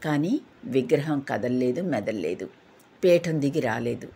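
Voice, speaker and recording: A woman narrating devotional stories in a steady, gentle reading style. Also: extremely low pitch, measured pace, breathy edge. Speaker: storyteller.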